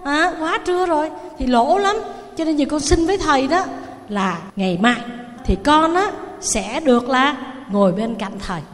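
A woman's voice: high-pitched, animated, normal speed. A woman with a Southern Vietnamese accent voicing a poor, greedy male beggar who pleads and whines, in a long reverberant hall. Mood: pleading.

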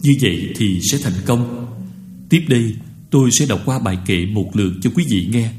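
A man giving a Buddhist dharma talk to a retreat, earnest and admonishing, slowly chanting short verses. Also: lowish voice, a little mellow. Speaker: Buddhist teacher.

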